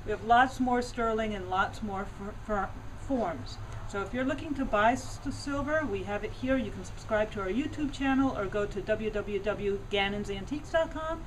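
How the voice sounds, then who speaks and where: A woman's voice: mid-range voice, moderate pace, hardly any pauses, slight background noise, poor audio. A middle-aged woman giving an enthusiastic, conversational tour of silver pieces in an antiques shop, with fillers and restarts, recorded on a nearby camera. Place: indoor antiques shop among display cases.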